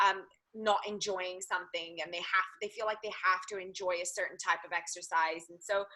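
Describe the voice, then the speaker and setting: Bright, breathy woman hosting. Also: on the low side, steady tone, a little fast, poor audio. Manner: rambling questions, many fillers. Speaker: podcast host. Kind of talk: casual interview conversation.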